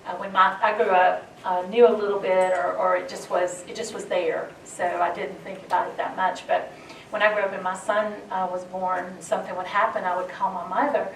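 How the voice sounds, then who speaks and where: A woman's voice: on the low side, level tone, brisk, vocal fry, a little hiss or hum. A woman from western North Carolina, giving a chatty, folksy talk on foraging. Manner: chatty, folksy, with restarts and laughter. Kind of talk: casual public talk. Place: event room at a library. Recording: roomy hall, distant mic, faint ambience.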